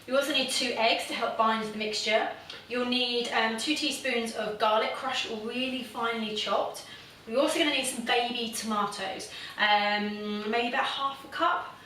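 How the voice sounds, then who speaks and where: A woman's voice: on the high side, pushed and bright, far from the mic, a little hiss or hum. A woman hosting a casual home cooking demonstration, chatty and self-deprecating, with plenty of fillers. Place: home kitchen. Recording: very echoey room, voice from off the mic.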